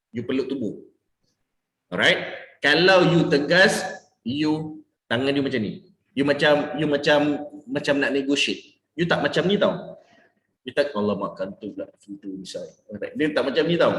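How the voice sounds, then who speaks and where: A man runs a live coaching session, teaching by acting out examples and switching freely between Malay and English. His voice sits at an ordinary middle pitch. It is recorded in a room with audible echo. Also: fairly bright tone. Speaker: business sales coach.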